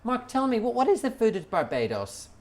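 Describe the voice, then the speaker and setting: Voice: mid-range voice, big pitch swings, brisk, a little mellow. A cooking show host casually interviewing a cook, asking questions and prompting the next step. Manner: inquisitive, prompting.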